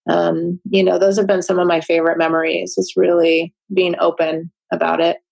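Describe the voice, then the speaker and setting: A woman interviewed as a nurse practitioner, telling family stories in a casual, unhurried way, with many fillers and restarts. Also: on the low side, level tone, gravelly, dry recording. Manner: warm storytelling with frequent fillers and restarts.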